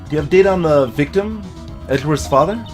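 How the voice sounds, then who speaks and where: In a let's play, a man reads game dialogue dramatically and tosses in playful, wry asides. His voice sits on the high side and is expressive and fast, with soft music in the background.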